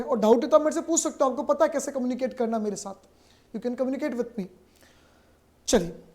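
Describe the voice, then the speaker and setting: A man teaching a class in a high, light voice. He poses questions, answers them himself and repeats the key terms. He keeps it playful, with joking asides between the points. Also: warm tone. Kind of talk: classroom lecture.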